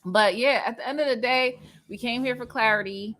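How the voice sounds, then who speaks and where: A woman co-hosting a casual recap chat, animated and laughing often as she reads comments from the live chat aloud. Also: a little high, moderate pace. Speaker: co-host of a reality TV recap channel.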